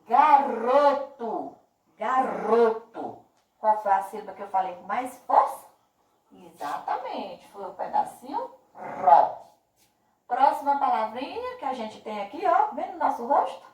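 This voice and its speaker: A woman teacher with a Brazilian Portuguese accent speaks in a fairly high voice that rises and falls a great deal. She stretches each word out slowly and talks to the children with warm, affectionate diminutives. The sound is echoey and comes from some distance away from the microphone. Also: animated. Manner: slow, drawn-out emphasis on words. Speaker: primary school teacher. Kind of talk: remote class video lesson.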